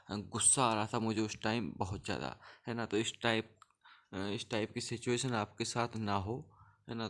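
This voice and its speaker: Chatty young man coaching exam takers. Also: on the low side. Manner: conversational, keeps asking for agreement. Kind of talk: casual Hindi tutoring talk.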